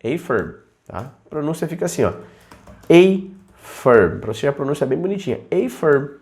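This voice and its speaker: A man teaching aviation English in a chatty video lesson, reading English examples slowly. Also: on the high side, lively intonation, darkish tone.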